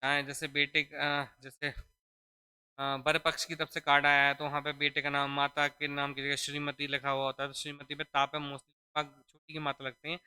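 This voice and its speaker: A man's voice: on the high side, monotone, normal speed, sharp tone, clear, resonant tone. A man teaching a spelling lesson for exam preparation. He explains step by step, repeats each word, and keeps checking in with his students. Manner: addresses students fondly as children.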